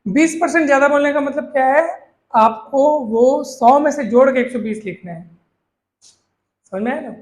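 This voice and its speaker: A man's voice: very high-pitched, normal speed. A male maths teacher, explaining a lesson in a coaxing way, repeating points and asking his students questions. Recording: echoey room.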